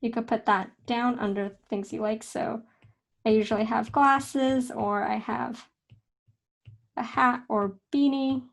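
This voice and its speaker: A young woman teaching a casual drawing lesson, talking in a relaxed, chatty way with fillers and self-corrections. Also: fairly high pitch, slow pace, vocal fry. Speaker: art instructor.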